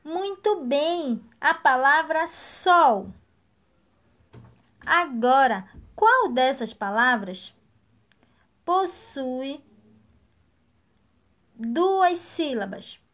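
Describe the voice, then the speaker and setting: Woman teacher, high voice, slow and encouraging, video lesson for kids. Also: animated, a bit bright. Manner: slow, encouraging, praising answers. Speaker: primary school teacher. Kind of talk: recorded video lesson for young children.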